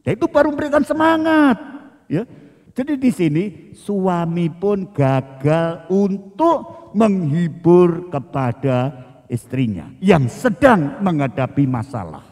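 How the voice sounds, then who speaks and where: A man's voice: high voice, very animated, takes it slowly, vocal fry, a little mellow, big-room sound. A man preaching a sermon at a church service, punctuating his phrases with "ya" and stretching words for emphasis. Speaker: pastor.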